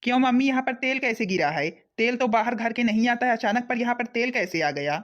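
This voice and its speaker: A woman's voice: fairly high pitch, expressive, a little fast, lo-fi sound, lightly acted. A woman voicing an angry, protective grown son and husband in a cartoon, demanding and accusing. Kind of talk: cartoon voice acting.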